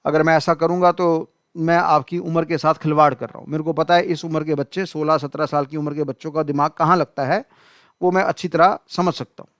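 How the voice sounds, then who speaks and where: A man lectures on economics to his students, calling them beta and mimicking their excuses. His voice is smooth and resonant, set a little high, and recorded dry and close. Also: level tone, brisk, fairly bright tone, dry recording. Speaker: economics teacher. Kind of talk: classroom lecture.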